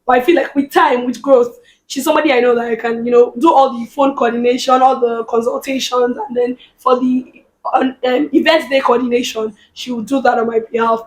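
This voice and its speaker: A woman with a Nigerian accent, a business owner chatting lively as an interview guest. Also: on the high side, a little fast, roomy sound. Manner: lively, chatty, laughs often. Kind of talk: casual interview chat.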